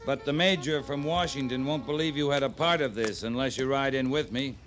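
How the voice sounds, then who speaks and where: An actor playing a steady, fair-minded cavalry captain in a radio western, calm and plain-spoken. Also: male voice, mid-range voice, brisk, faint music behind, lightly acted. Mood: earnest. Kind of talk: 1950s radio western acting. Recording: old radio drama, light noise.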